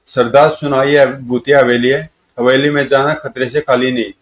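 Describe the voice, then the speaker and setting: A man's voice: medium pitch, little pitch movement, moderate pace, close to an everyday voice. A man doing a menacing bandit chief. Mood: recounting. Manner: gloating, threatening.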